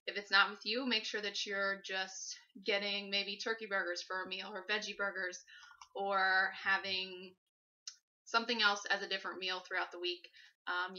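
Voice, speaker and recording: This casual how-to vlog features a fitness vlogger in her twenties demonstrating something in her kitchen at home, chatting practically as she moves around. Her mid-range voice is bright and forceful. Audio comes from a camera mic across the room and sounds dull and lo-fi.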